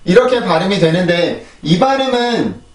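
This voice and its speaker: A man's voice: high voice, lively intonation, moderate pace, reverberant, distant mic. A man giving a patient pronunciation lesson, explaining each sound and repeating it for practice. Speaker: English pronunciation teacher.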